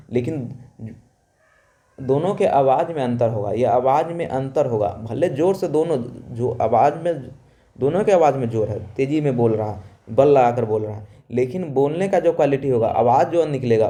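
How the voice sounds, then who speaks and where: A man teaching a school lesson, loud and emphatic, repeating each point and explaining it in plain words. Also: mid-range voice, expressive, moderate pace. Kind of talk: classroom lesson.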